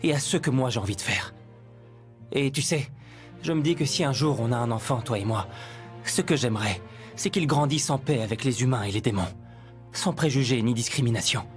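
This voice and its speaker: Guy doing a calm sly anime hero who hates conflict, mid-pitched, music faintly behind. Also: a little fast, close to an everyday voice. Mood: earnest. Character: shrewd, peace-loving husband who is a hero. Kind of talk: anime dub.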